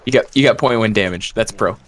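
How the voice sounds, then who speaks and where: A man with a lowish voice talks fast while chatting casually with friends over voice chat during a game. He often trails off and starts again.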